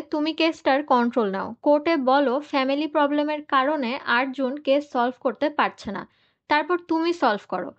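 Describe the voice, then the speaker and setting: A woman's voice: high voice, lo-fi sound. A woman giving a scripted movie recap narration, telling the plot steadily and reading the characters' lines in the same voice.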